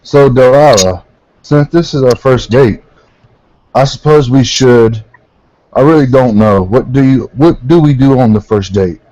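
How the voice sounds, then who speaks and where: A man voicing an awkward, shy young man on his first date, reading plainly and haltingly from an amateur fan story. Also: mid-range voice, a little mellow, no echo, close to an everyday voice, poor audio. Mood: awkward, earnest. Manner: plain, halting read-aloud.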